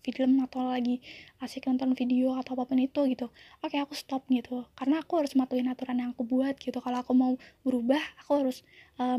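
A young woman with a high, slightly husky voice talks casually and confidingly about her own life, dropping in lots of little fillers. Her tone is mellow rather than bright, and the recording is close and dry. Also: no echo. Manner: chatty, confiding, many fillers. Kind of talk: casual personal sharing.

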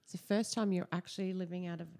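A woman's voice: fairly low pitch, fairly even intonation, fast talker, warm tone. A woman hosting a casual podcast interview, prompting with questions and little reactions. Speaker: podcast host.

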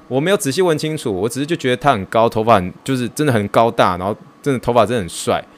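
A man hosting a podcast, talking in a casual, excitable and self-mocking way, mixing in English words. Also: mid-range voice, fast talker. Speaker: podcast host.

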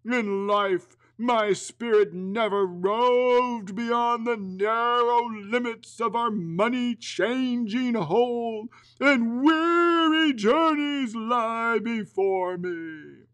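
Jacob Marley's wailing ghost. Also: male voice, extremely high pitch, fairly bright tone, clear, resonant tone, pitched above the performer's own voice, heavily acted. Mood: mournful. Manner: wailing, slow and drawn out. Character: anguished ghost of an old male miser, bound in chains.

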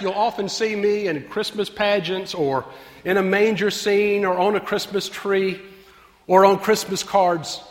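A man delivering a dramatic sermon monologue as a humble, solemn angel messenger, telling the story in a measured, deliberate way with pauses. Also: high-pitched, fairly bright tone. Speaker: preacher performing a monologue as an angel. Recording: long hall reverb.

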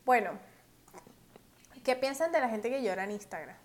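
A woman, co-hosting a casual podcast chat and swinging from soft-spoken to loud and dramatic. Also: on the high side, lively intonation, normal speed. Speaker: podcast co-host.

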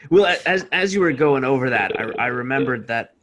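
A man's voice: medium pitch, lively intonation, fairly quick, fairly bright tone. A man co-hosting a podcast, hesitant with many restarts and dry remarks. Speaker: podcast co-host. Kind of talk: casual chat.

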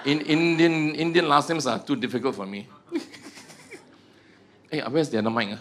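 Delivering a humorous church-group teaching talk, a man with a Malaysian accent makes himself the butt of the jokes and tags lines with "ah" and "huh." His voice is fairly high and a bit bright at a moderate pace, with a slight hiss or hum on the recording.

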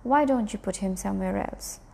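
A woman's voice: mid-range voice, moderate pace, creaky, darkish tone. Testy old grandfather, read by a woman. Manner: brusque, insistent.

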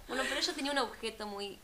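A woman's voice: on the high side, heavy background noise. A woman in her twenties with an Argentine accent, talking easily as a podcast co-host among friends. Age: 20s. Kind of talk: casual chat among friends.

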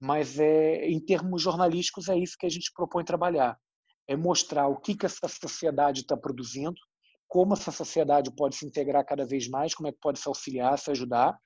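A Brazilian man from Rio de Janeiro, a journalist with a husky voice, explaining his views at length in an interview. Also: fairly high pitch, fairly even intonation, a little fast, a little mellow, no echo, dull audio. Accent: Rio de Janeiro Brazilian Portuguese. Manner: explanatory, thoughtful, frequent "né?" tags. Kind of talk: interview answers.

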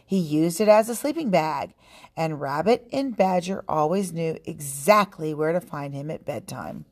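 A woman hosting a podcast, reading a children's book aloud in a calm, clear, steady way. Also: low-pitched, normal speed. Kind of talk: storybook read-aloud narration.

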